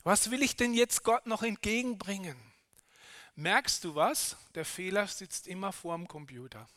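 A man's voice: high voice, measured pace, bright, forceful tone, dry recording. A middle-aged man preaching an impassioned motivational sermon, challenging listeners directly with rhetorical questions and colloquial asides.

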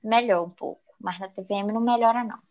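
A woman's voice: mid-range voice, fast talker, lo-fi sound. A woman, co-hosting a casual podcast and telling everyday stories with dramatic, exasperated asides. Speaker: podcast co-host. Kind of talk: casual chat.

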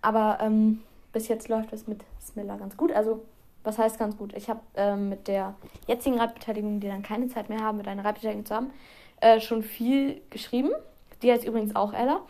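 A woman's voice: mid-range voice, flat delivery, fairly quick, a little mellow. A teenage girl hosting a casual solo podcast, rambling and self-mocking with giggly asides. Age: teens. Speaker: podcast host.

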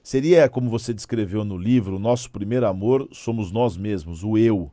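A man's voice: on the low side, moderate pace, warm tone, dry recording, clean studio sound. A male host interviewing an author, asking several probing questions in a row. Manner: probing, asks stacked questions.

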